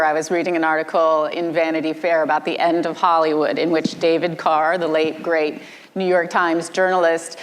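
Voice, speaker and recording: A woman with a slightly low voice hosts a panel discussion. She introduces it in a measured manner, pausing now and then to find her words. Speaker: panel moderator.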